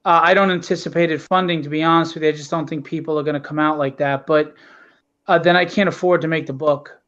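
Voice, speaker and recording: Speaking fast with fairly even intonation and a fairly bright tone, the man, a comic book writer and publisher, gives a candid, earnest, casual account of his project. It's an interview where he's the guest plugging and explaining it, captured on dull, low-fidelity call audio.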